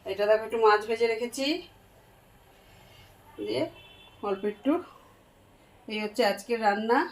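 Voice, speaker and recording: A woman's voice: a little high, fairly even intonation, a little slow. A middle-aged woman and grandmother narrating a casual home vlog, chatting straight to her viewers as she goes about her chores indoors, recorded on a handheld phone.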